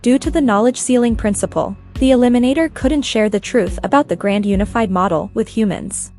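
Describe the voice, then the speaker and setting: A woman reading a scripted story narration at a steady, even pace. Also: fairly high pitch, brisk, faint music behind.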